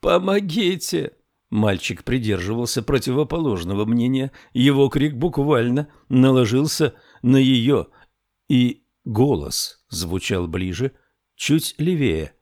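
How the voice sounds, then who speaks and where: A man narrating a thriller audiobook in a slow, measured storytelling manner. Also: medium pitch, a little mellow, dry recording, clean studio sound.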